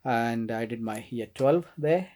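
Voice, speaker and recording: A man's voice: medium pitch, a little slow. A middle-aged priest from Kerala, India, with an Indian accent and Malayalam as his first language, talking casually and hesitantly as a podcast guest. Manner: soft-spoken, hesitant with many fillers, laughs often. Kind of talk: casual interview conversation.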